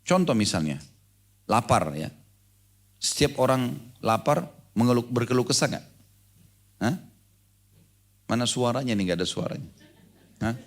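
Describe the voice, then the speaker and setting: A man's voice: mid-range voice, lively intonation, measured pace, pauses often. A middle-aged man giving a live sermon to a congregation in a hall, talking conversationally and quizzing his listeners directly. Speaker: Islamic preacher. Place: lecture hall with a live audience.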